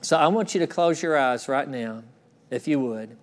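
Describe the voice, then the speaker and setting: The sermon comes from a middle-aged male pastor in a church sanctuary, speaking earnestly at normal speed in a medium-pitched voice. Repeated phrases run through it, and quoted words drop to a soft hush.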